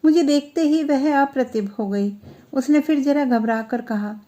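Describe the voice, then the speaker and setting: A woman narrating a literary short story in a measured, expressive storytelling manner. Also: high-pitched.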